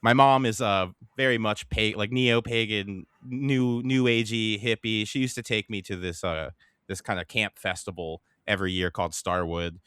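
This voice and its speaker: A man in his thirties co-hosting a podcast, telling a story in a halting, laid-back way. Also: fairly low pitch, steady tone, a bit bright, clean tone, no room sound, clean studio sound. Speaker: podcast co-host. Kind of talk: casual chat.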